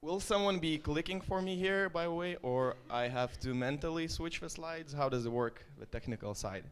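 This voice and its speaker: At a conference, a startup founder with an Estonian accent gives a loose, joking stage talk to a live audience, peppered with ums and uhs. His voice is on the high side and he speaks at a normal speed.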